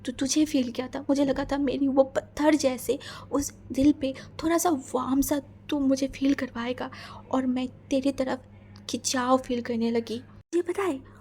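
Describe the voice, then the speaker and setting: A woman voicing an obsessive, possessive young husband who speaks in an intense, hushed, menacing way. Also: high-pitched, lively intonation, moderate pace. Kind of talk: fan fiction story reading.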